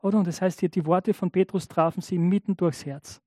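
A man's voice: high-pitched, steady tone, brisk, warm tone, dry recording, clean studio sound. A man preaching a sermon in a conversational way, often checking in with the congregation. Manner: acts out biblical and imagined speakers in changed voices.

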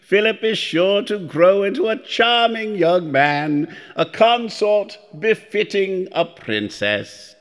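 A stately fairytale king, with a fairly high, lively voice ringing in a reverberant hall. He speaks slowly and formally, with a touch of pomp. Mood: formal, earnest. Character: courtly, dignified visiting king and father. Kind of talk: fairytale audio drama acting. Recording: long reverb of a great hall.

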